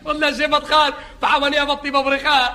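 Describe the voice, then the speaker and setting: A man playing a boastful, chatty beach lifeguard who rambles, jokes and yells at bathers in a comedy sketch. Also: very high voice, little pitch movement, exaggerated voice. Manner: rambling, joking, shouting at bathers. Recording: live audience laughter and noise. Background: audience laughing.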